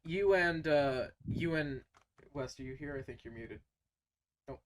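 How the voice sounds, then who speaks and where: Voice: mid-range voice, a little slow. A game master narrating a tabletop game in virtual reality, giggly and scattered, breaking into laughter often.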